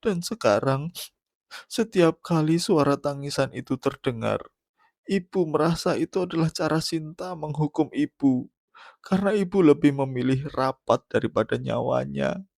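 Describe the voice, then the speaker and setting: Creepypasta role: male narrator as a remorseful older woman teacher, shaky and hoarse, raised pitch, close dry sound. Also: normal speed, a little mellow, no room sound. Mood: guilty confession. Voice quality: hoarse, trembling. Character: guilt-ridden older female schoolteacher confessing, trembling and tearful. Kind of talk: creepypasta horror narration, character dialogue.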